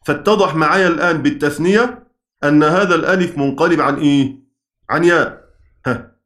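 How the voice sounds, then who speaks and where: A man with an Egyptian accent, teaching a class in a lecture style, asking questions and answering them himself, chanting verse lines slowly. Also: on the high side, fairly bright tone. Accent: Egyptian Arabic. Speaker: Quran recitation teacher.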